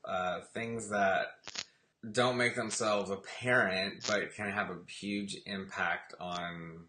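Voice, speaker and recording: A man's voice: low-pitched, steady tone, slow, pushed and bright. A man hosting an interview, explaining things in a conversational way. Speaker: interviewer, host. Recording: roomy, echoing, faint noise.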